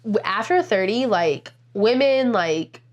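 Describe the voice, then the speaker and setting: A woman's voice: mid-range voice, lively intonation, takes it slowly, dull audio. Chatty woman in her thirties. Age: 30s. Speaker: podcast co-host. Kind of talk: casual chat.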